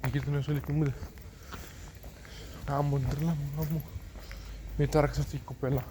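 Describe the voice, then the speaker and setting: A man's voice: fairly high pitch, flat delivery, mellow. Male vlogger, casual monologue, frustrated and swearing under his breath, outdoors at dawn, heavy street noise. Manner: frustrated, swearing, muttering to himself; keeps his voice down. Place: outdoors on a cold early morning. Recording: noisy outdoor ambience with dogs and traffic.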